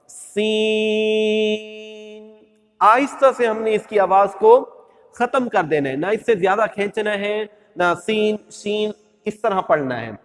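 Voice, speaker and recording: A man's voice: high-pitched, big-room sound. A man with a Pakistani Urdu accent teaching Quran letters, patiently repeating the rules and stretching out each letter sound. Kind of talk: step-by-step recitation lesson.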